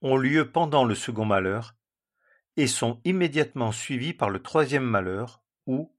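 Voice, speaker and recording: Man, Bible reading and commentary, unhurried, measured, solemn delivery. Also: medium pitch, lively intonation. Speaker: Bible teacher. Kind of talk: slow scripture reading and commentary.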